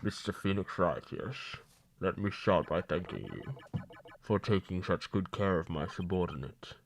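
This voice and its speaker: A man voicing a mysterious, scheming male villain on the phone, speaking calmly and formally through a deep pitch-shifting voice changer. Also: normal speed, a little hiss or hum, low-quality recording. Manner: calm, formal, coolly menacing. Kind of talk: let's play voice acting of game text.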